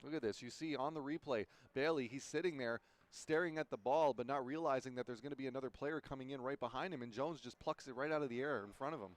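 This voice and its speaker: A man's voice: medium pitch, fast, hardly any pauses. Man breaking down basketball plays. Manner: explanatory, breaks down the defense. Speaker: color commentator. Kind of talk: basketball game analysis. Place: gym broadcast booth.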